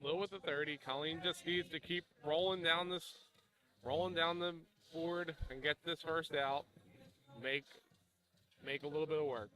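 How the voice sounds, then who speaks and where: A man's voice: a little high, fairly even intonation, moderate pace, bright, forceful tone, rough recording. A man doing casual, informal live darts commentary with some banter between calls.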